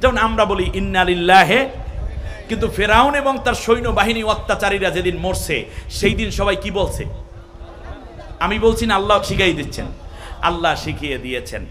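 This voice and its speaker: High, bright-voiced man preaching a sermon. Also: animated, slight background noise. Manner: chants Quranic verses slowly; rises to shouting at climaxes. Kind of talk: Bengali waz sermon.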